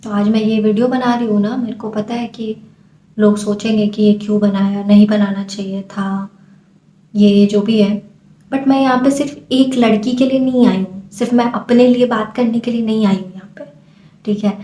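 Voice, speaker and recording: A woman's voice: mid-range voice, steady tone, normal speed, mellow, reverberant. A young woman from India speaking earnestly and emotionally to camera, pleading at times as she vlogs. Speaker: vlogger. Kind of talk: impassioned talk to camera.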